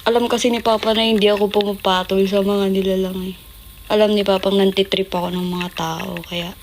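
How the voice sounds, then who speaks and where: A woman's voice: medium pitch, flat delivery, fairly quick, a little hiss or hum. Chatty young woman telling stories. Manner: chatty, laughing, acts out quotes in a raised voice. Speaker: idol group member on a livestream. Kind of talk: casual livestream storytelling.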